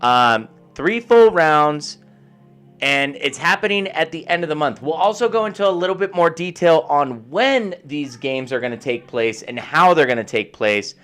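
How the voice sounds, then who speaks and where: A man hosting a live gaming stream in casual chat, giving upbeat shout-outs to viewers. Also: fairly high pitch, expressive, normal speed, clear, resonant tone, soft background music.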